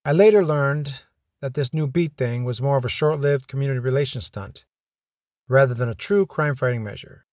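A man's voice: medium pitch, a little fast, a little mellow, dry recording. A man hosting a podcast, telling first-person stories of his police days with wry, dry humor. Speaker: podcast host and former police officer.

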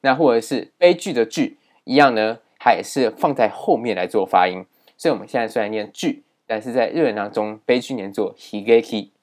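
A man teaching a language lesson in a steady explaining manner, with many fillers. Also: fairly low pitch, fairly quick.

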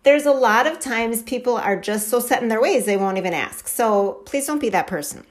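A woman from Wisconsin hosts her own podcast, giving a casual motivational talk at a moderate pace. She's chatty and enthusiastic, her pitch leaping around as she makes her points. She keeps checking in with "right?" and fills her speech with "like".

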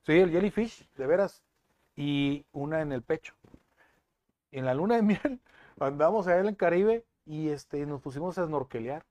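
Guy on a talk show, kinda high voice, dry close sound, keeps restarting his sentences. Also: normal speed, no echo. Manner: animated storytelling with frequent restarts. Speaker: guest, TV news presenter. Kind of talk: casual interview chat.

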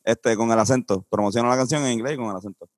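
A man's voice: medium pitch, rapid-fire, no room sound, clean studio sound. A man, joking and egging his friends on in a casual chat.

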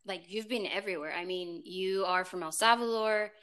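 A woman's voice: mid-range voice, normal speed, crowd noise. A woman interviewing a guest, asking long questions that ramble and restart.

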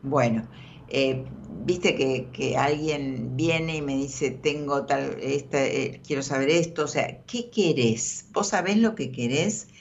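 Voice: medium pitch, takes it slowly, vocal fry, dull audio, slight background noise. A fortune teller with an Argentine Spanish accent hosting a conversational tarot card reading for a caller on the radio. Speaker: radio tarot reader and host.

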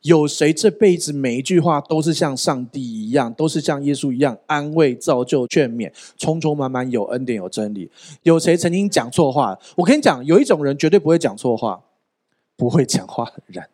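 A man's voice: a little high, a little fast. Guy pastor giving a sermon, bouncy up and down voice, cracks jokes, keeps asking the crowd questions. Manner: animated, joking, keeps asking the audience questions.

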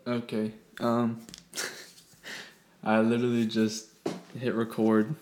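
A young man hosting a casual solo podcast from his bedroom, rambling and self-deprecating in a monotone voice with many fillers. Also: medium pitch, slow pace, faint music behind. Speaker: podcast host. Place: bedroom at home.

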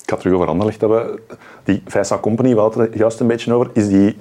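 A man with a Flemish accent, a café regular asking a guest quick questions in a casual chat. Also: fairly low pitch, steady tone, mellow. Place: café bar.

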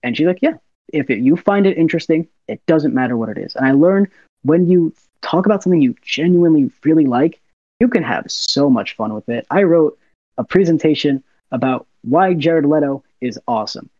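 A young man, a university student, chatting as an interview guest, soft-spoken and quick to laugh as he acts out little scenes. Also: on the high side, lively intonation, no room sound, highs cut off. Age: young adult. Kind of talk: casual interview chat.

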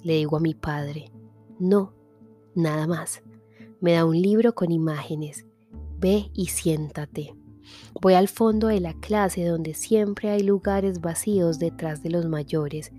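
A woman giving a soft, measured literary reading that sometimes drops to a whisper. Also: fairly low pitch, soft background music. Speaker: reader.

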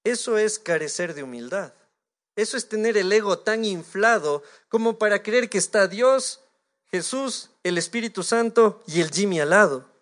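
Delivering a sermon at a moderate pace, a man with an Ecuadorian Spanish accent and a noticeably high voice preaches with animation. He seems to be a pastor in his thirties and slips into acted-out dialogues with God.

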